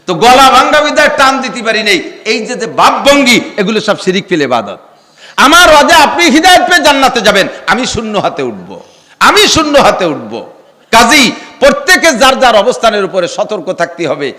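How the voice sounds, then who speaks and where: A male preacher gives a humorous sermon, teasing his listeners with rhetorical questions and sometimes rising to a shout. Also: high voice, sing-song, moderate pace, long reverb tail.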